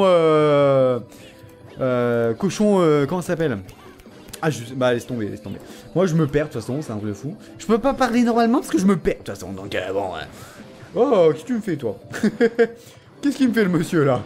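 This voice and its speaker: A man talks through his game in a lively, swooping voice, slightly high, breaking into teasing taunts. He sounds excitable and a little tired, with faint music underneath. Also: moderate pace. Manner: excitable, teasing, mock-threatening. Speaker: gaming channel host. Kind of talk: casual gameplay commentary.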